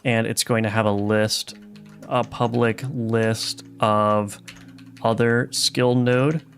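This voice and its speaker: This man livestreams his game development work, reading chat and thinking out loud casually, stumbling through fillers and restarts while coding. He talks slowly in a fairly low, flat voice, and soft lofi music plays in the background.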